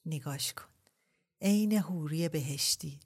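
A woman voices a young husband who speaks low, hushed and slow, in a wheedling, leering and insistent way, keeping a steady tone.

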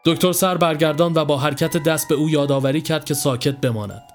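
Male horror storyteller over faint music. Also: on the high side. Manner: steady, dramatic storytelling. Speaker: narrator. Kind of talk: scripted horror story narration.

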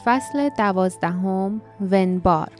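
A woman narrating a fantasy audiobook in a measured, expressive storytelling voice. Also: mid-range voice, faint music behind.

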